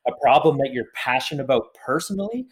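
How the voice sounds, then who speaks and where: A man hosting a podcast interview, summarizing the guest's points in a measured way before asking his questions. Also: mid-range voice, expressive. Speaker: podcast host.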